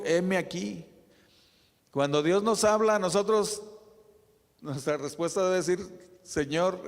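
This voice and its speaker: A man preaching a sermon as pastor, in a conversational style with frequent tag questions and soft asides. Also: fairly high pitch, gravelly. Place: church sanctuary. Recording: reverberant church hall.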